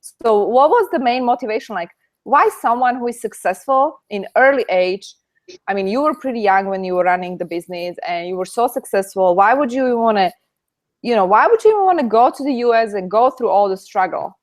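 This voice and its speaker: A woman's voice: fairly high pitch, expressive, a little fast. Talkative Slovak woman interviewer. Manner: talkative, leading questions with many likes. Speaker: interview host. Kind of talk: casual interview.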